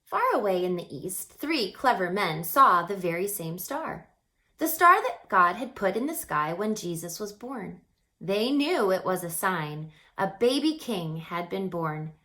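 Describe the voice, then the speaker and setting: Reading a children's story with plenty of drama, this storybook reader draws words out and lowers her voice for quiet stretches. She speaks in a mid-range, sing-song voice at a measured pace.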